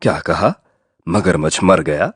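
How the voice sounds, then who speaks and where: A man voicing a clever, wary male jackal in a school audio drama, his voice pitched high and nervous. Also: lively intonation, measured pace, husky, no room sound, studio quality, heavily acted. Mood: sly.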